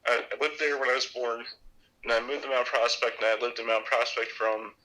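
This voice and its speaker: A man in his twenties from Illinois, a podcast guest talking in a halting way with many restarts. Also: mid-range voice, steady tone, sharp tone, rough recording. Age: 20s. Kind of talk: casual chat.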